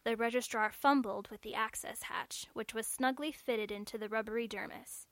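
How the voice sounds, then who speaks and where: A woman narrating a story in a measured, clear storytelling manner. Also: on the high side, fairly even intonation, a bit bright, dry recording.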